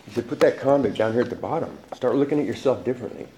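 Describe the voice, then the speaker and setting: A man in his late forties recounts his life in loose street slang, often laughing as he goes. His voice sits at an ordinary pitch. The room echoes around him, with steady noise behind. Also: rapid-fire. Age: 40s. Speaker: former prisoner telling his story. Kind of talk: casual personal storytelling.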